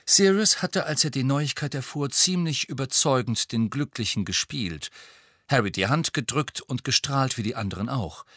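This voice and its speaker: Bright-voiced male audiobook narrator. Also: mid-range voice, animated, no room sound, studio quality. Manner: measured storytelling. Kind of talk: scripted narration.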